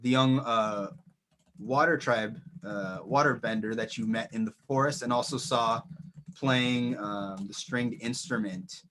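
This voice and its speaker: A man's voice: mid-range voice, a little slow, background noise. A man running a tabletop role-playing game as game master, narrating scenes descriptively with frequent fillers and restarts. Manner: descriptive, hesitant with many fillers.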